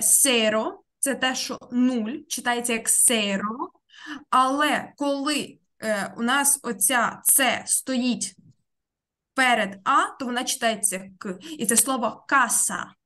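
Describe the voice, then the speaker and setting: Woman teacher, online class, high bright voice, patient word-by-word explaining. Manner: slow, careful word-by-word explaining. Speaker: Spanish teacher.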